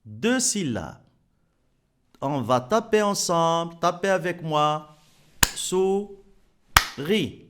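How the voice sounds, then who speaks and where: A man's voice: on the high side, expressive, slow, fairly bright tone. A man teaching French to young children, patiently repeating words and clapping out their syllables. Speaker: primary school French teacher.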